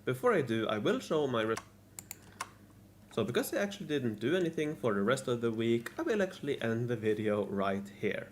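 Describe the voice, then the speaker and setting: A man's voice: mid-range voice, big pitch swings, a little fast, slight background noise. A man narrating a scripted recap of his strategy game week, restarting and repeating his lines. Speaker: gaming video creator.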